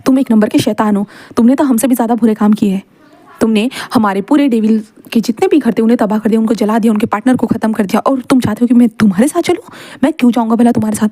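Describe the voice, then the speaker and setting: A woman's voice: a little high, fast talker, natural voice. A woman voicing a proud young male demon heir who hurls angry accusations. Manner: shouting accusations.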